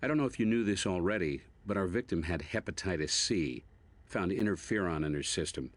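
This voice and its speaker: Very deep-voiced American medical examiner. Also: male voice, lively intonation, a little fast, no echo. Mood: matter-of-fact. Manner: matter-of-fact, instructive. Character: dry, methodical older male medical examiner. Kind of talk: scripted video game dialogue.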